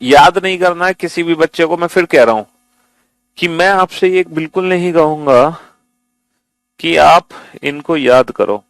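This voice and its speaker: A man's voice: fairly high pitch, measured pace, long pauses, no room sound, rough recording. A man teaching a class, coaxing his students to read aloud, repeating himself often. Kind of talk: classroom lesson.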